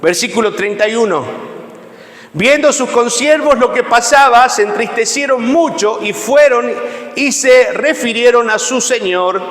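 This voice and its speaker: A man's voice: very high voice, unhurried, fairly bright tone. A man preaching a Bible lesson, reading verses aloud and emphatically asking the congregation questions. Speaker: pastor teaching a Bible class. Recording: echoey church hall with long reverb.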